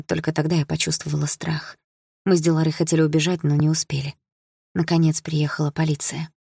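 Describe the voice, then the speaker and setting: A woman reads a first-person audiobook, her voice sitting low. She tells it in a steady, dramatic way, with a dry, close sound and no room around it. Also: slightly rough, no echo. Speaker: audiobook narrator.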